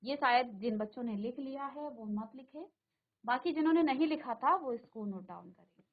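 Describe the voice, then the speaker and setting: A woman teaching a class, slowly sounding out syllables aloud for her pupils to repeat. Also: high-pitched, expressive, phone-quality sound. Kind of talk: classroom lesson. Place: studio virtual classroom.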